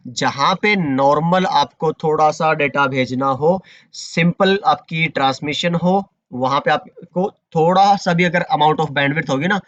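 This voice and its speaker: Male networking instructor, online lecture, loose conversational delivery, slightly high voice, muffled dry audio. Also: fairly bright tone, dry recording. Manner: conversational teaching, mixing English terms into Hindi, many fillers.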